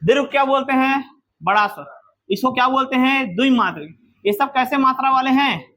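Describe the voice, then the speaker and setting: A man's voice: very high voice, moderate pace, sharp tone. A man teaching a grammar lesson to a class, quizzing students with repeated questions.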